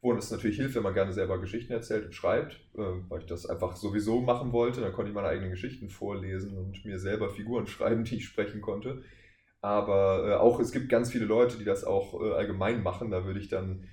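A twenty-something man from Wuppertal, Germany, a voice actor appearing as a podcast guest, chats casually with a jokey, self-deprecating humor. His voice is lowish and darkish, steady and fast. He's in an indoor room with the hosts, and the recording has a roomy echo and faint background noise.

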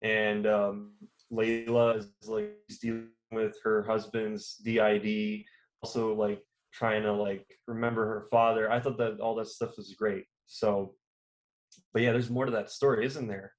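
Man, podcast co-host, casual chat, somewhat low voice, rambling delivery. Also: little pitch movement, a little slow. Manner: rambling, many fillers and restarts.

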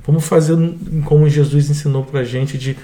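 Mellow-voiced Brazilian man on faith. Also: medium pitch, normal speed. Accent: Brazilian Portuguese. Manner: calm, explanatory, adds to his co-host. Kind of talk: devotional teaching talk.

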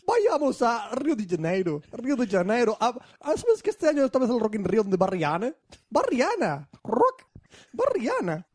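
Alicante man, joking podcast co-host, lively high voice with a husky edge. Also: brisk, hardly any pauses, no echo, clean studio sound. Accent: Alicante Spanish. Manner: playful, goofy wordplay. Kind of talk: casual joking chat.

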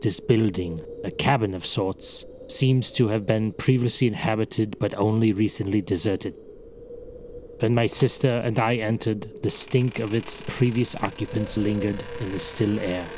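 A man's voice: on the low side, steady tone, measured pace, noisy background, close to an everyday voice. A man playing a letter-writer who now feels fearless, reading his letter solemnly.

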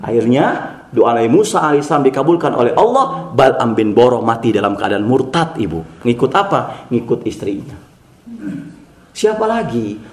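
A man's voice: mid-range voice, normal speed. A man preaching a sermon to a congregation, telling stories with acted-out voices and rhetorical questions to the audience. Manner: animated storyteller, asks the audience questions, acts out characters. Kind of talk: Islamic sermon storytelling. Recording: echoey hall.

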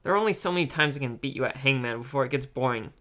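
A dry, sarcastic teenage brother, read by a man in a storybook reading. He sounds worn out and exasperated, with a flat, put-upon delivery. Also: medium pitch, rapid-fire, natural voice.

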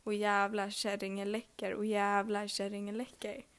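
A woman's voice: medium pitch, monotone, a bit bright, smooth, close to an everyday voice. A young woman doing a cheeky copycat parrot. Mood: mimicking. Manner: parrots every line back.

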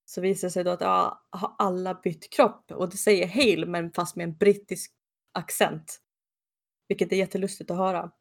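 A woman casually recapping a TV episode, animated and jumping into quick comic voices for the characters. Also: lowish voice, creaky.

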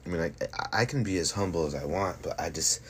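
A man's voice: deep voice, fast. A man speaking off the cuff as a fighter on a casual stream, cocky and boastful, hammering his points with emphatic repetition and slangy swearing. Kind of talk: casual livestream monologue. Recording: noticeable background noise.

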